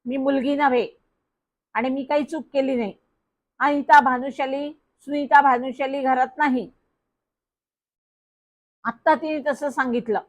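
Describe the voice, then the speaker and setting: A woman's voice: sits high, fairly even intonation, a little slow, long pauses. Woman voicing a flustered young boy. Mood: flustered protest. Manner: flustered, protesting.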